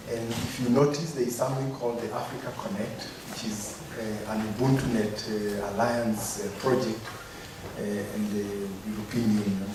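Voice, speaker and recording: A man giving opening remarks as forum chair, hesitant with many fillers. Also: on the low side. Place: hotel conference room. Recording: echoey conference hall, mic far off, noisy.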